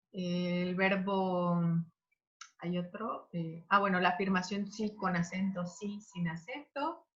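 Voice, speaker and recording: A woman teaching an online grammar lesson, explaining slowly with many fillers and restarts. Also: fairly low pitch, a bit bright. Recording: dull lo-fi recording.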